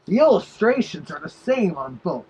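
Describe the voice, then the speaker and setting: A performer voicing an opinionated wolf who reviews children's cartoon tapes with wry, nitpicking asides in a husky voice. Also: mid-range voice, big pitch swings, normal speed, a little mellow, lo-fi sound. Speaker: reviewer, host. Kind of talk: review commentary over a played tape.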